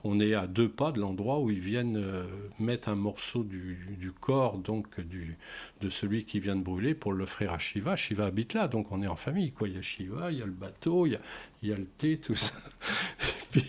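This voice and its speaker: A man as a guest in a radio interview, telling anecdotes in a hesitant way with many pauses and fillers. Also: on the low side, animated, husky.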